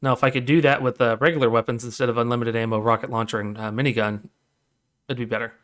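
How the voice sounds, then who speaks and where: A man's voice: mid-range voice, fairly even intonation, fast talker, a bit bright. A man co-hosting a podcast in casual chat, easygoing and rambling. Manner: easygoing, rambling with fillers and restarts. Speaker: podcast co-host.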